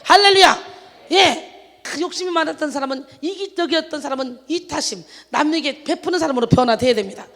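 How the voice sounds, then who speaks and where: A woman's voice: high voice, fast, hardly any pauses, big-room sound. A woman pastor preaching a sermon in an emphatic manner, with exclamations of hallelujah and rhetorical questions to the congregation.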